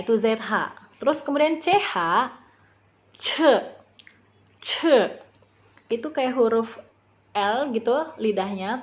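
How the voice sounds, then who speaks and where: A woman teaching a beginner language lesson, patiently spelling out sounds and repeating them slowly. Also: fairly high pitch.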